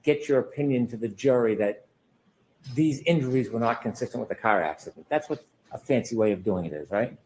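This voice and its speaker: Male lawyer, courtroom cross-examination. Sceptical, insistent, middling pitch, statements turned into challenges. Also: brisk, a little mellow, a little hiss or hum, rough recording. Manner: pressing, sceptical, ends statements in tag questions.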